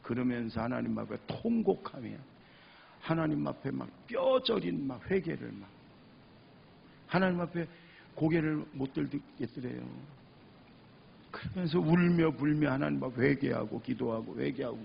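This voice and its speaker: A male pastor preaching a passionate sermon, swinging between loud cries and hushed speech and repeating phrases for emphasis. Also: mid-range voice, lively intonation, moderate pace, creaky, muffled recording, slight background noise.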